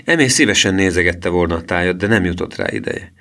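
Male storyteller, very low voice, steady reading. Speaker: audiobook narrator. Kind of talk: children's book reading.

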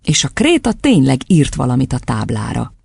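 Woman narrating with a gravelly edge. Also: low voice, expressive, darkish tone, dry recording. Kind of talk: audiobook narration.

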